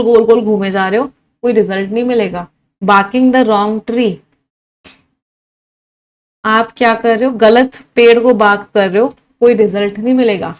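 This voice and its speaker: Speaking in a mid-range voice, a young adult woman with an Indian English accent leads an exam-prep vocabulary lesson. She blends Hindi with English, says words more than once, and tests the viewer with questions.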